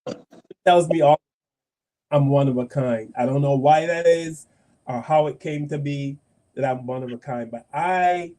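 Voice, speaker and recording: A man from Barbados hosts a talk show and lays out his point with fervor. He leans on repetition to drive things home, and his voice sits a little higher than most men's. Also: unhurried, mellow. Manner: emphatic, repeats phrases for force. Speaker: host. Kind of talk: passionate podcast commentary.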